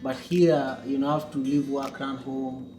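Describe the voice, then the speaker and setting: A man from Kenya, hosting an interview in a relaxed way, with lots of "you know"s. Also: mid-range voice, moderate pace. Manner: relaxed, filler-heavy, many "you know"s. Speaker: podcast host. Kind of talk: casual interview. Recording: echoey room with guitar music behind.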